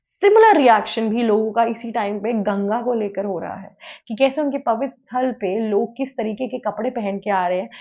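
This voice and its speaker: A woman's voice: fairly high pitch, a little mellow. A woman presenting opinion commentary for a news channel, arguing earnestly and asking rhetorical questions. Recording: slightly dull lo-fi sound.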